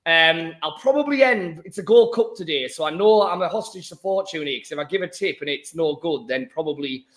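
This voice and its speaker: A man with a croaky, slightly hoarse voice hosting a casual sports chat in a chatty, joking way. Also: fairly high pitch, lively intonation, fairly quick, few pauses, a bit bright. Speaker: podcast host.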